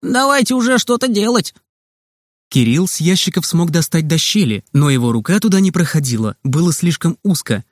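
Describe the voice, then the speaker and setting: A man narrating a children's audiobook in a lively, expressive way, recorded close in a dry room. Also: a little high, fairly quick, hardly any pauses, no echo.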